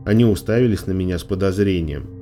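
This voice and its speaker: A man narrating an audiobook in a measured, even storytelling manner. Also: low-pitched, soft background music. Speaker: audiobook reader. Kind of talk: scripted narration.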